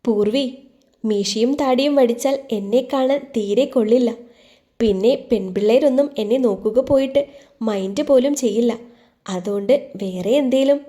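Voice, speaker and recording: Woman reading a teasing easygoing young man in a storybook, mellow voice. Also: fairly high pitch, normal speed, close to an everyday voice. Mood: joking.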